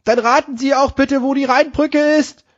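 A man putting on the voice of an old-time newsreel announcer, reading century-old jokes slowly and loftily. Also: fairly even intonation, highs cut off. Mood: lofty. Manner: slow, drawn-out, lofty reciting in a much higher voice. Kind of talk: mock old-newsreel joke reading in a podcast.

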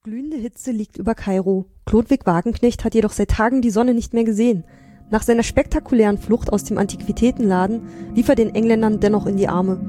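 Calm woman narrator, mellow, soft music behind. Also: a little high, brisk, dry recording. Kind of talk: scripted narration.

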